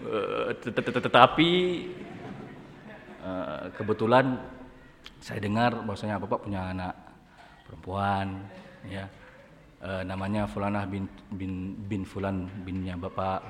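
A man voicing a nervous young male suitor who stammers and talks quietly and hesitantly. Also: deep voice, little pitch movement, unhurried, voice pushed down. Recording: echoey hall, faint background noise.

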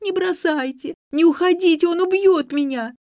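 A jittery young woman teeters on the edge of panic and bursts into frantic shrieks, as a woman reader puts her on. Her pitch swings widely, and the audiobook sound is dry and close. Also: very animated, a little slow, darkish tone, no echo. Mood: hysterical. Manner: frantic, high-strung outbursts.

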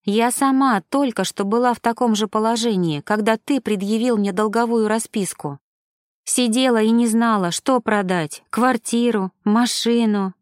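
A woman doing a fragile gentle young woman. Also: a little high, normal speed, no room sound, studio quality, close to an everyday voice. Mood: troubled. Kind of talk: audiobook character reading.

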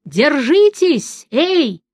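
A woman doing a frantic shouting troubadour. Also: high-pitched, very animated, very slow, dry recording, clean studio sound, pitched above the performer's own voice, heavily acted. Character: excitable male troubadour shouting from above.

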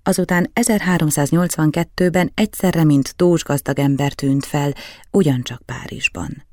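A man narrating a novel in a measured storytelling manner. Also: on the high side, darkish tone, dry recording, clean studio sound. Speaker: audiobook narrator. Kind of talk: scripted narration.

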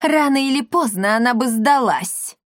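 A hoarse, wheedling storybook crook, a cowardly grown man caught out and whining his excuses, as a woman reads him. He talks a little higher and slower than a plain reading voice. The sound is close and dry. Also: expressive, no echo, lightly acted. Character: scheming cowardly male swindler, whiny.

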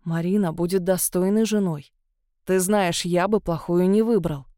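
A woman's voice: fairly low pitch, steady tone, normal speed, mellow, no echo, clean studio sound, close to an everyday voice. Woman doing a stern domineering old father. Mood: scolding. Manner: commanding, scolding.

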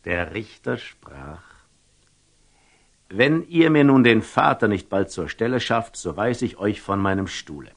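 An actor playing a wise, calm merchant and eloquent storyteller in a classical radio drama, speaking with rhetorical, deliberate emphasis. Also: male voice, lowish voice. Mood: solemn, admonishing. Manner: rhetorical, deliberate, with emphatic rises and hushed drops.

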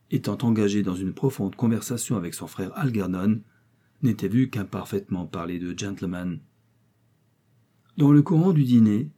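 A man narrating a classic novel in a measured, steady storytelling voice. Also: on the low side, husky. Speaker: audiobook narrator.

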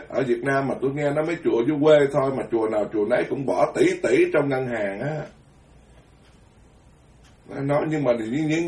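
A man's voice: mid-range voice, a little mellow, recorded from a distance. A male Buddhist monk gives a blunt, frank, scolding dharma talk and chants sutra verses.

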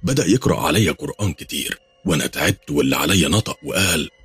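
A man with an Egyptian accent narrating a first-person horror story, telling it fast and lively. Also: rumbling low, husky, no echo, soft background music. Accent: Egyptian Arabic.

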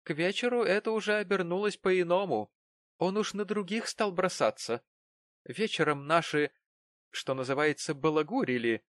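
A man voicing a gushing, melodramatic middle-aged landlady in an audiobook reading, raised high and full of effusive sighs. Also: moderate pace, a bit bright, no echo.

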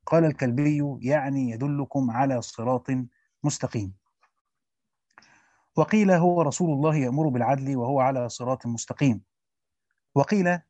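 A man's voice: mid-range voice, dark tone, no echo. A man reading a classical commentary aloud and stopping to explain it in plain speech, like a teacher. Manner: reads fast, stops to explain in Egyptian Arabic. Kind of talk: reading a classical text aloud with spoken asides. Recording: dull dry lo-fi recording.

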